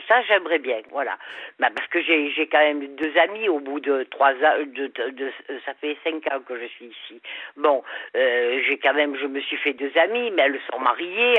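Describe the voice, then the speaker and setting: A woman's voice: low-pitched, dry recording. Older Southern French woman on the phone. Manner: hesitant, repeats words, halting. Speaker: caller. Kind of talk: radio call-in. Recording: phone line.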